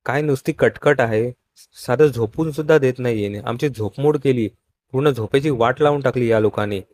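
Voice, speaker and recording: A man's voice: mid-range voice, moderate pace, darkish tone, no room sound, natural voice. A grumpy young wife whines irritably, as a male narrator reads her part. Her delivery stays close to the narrator's plain speech. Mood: irritated.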